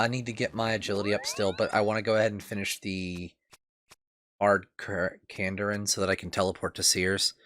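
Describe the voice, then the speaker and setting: A man's voice: lowish voice, fairly bright tone, no echo, clean studio sound. A man with a lingering cough talks over his gameplay as a voice-over, rambling and self-deprecating, with lots of fillers and restarts. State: lingering cough, itchy throat. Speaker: gaming channel host.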